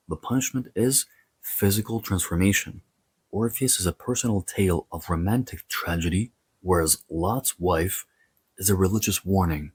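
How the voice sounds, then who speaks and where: This is the host of a history and mythology series, a man whose voice is low, husky and a bit dark in tone. He reads scripted lecture material in short, separated phrases, now and then slipping into casual asides as he explains. The room adds very little echo, so the sound is dry.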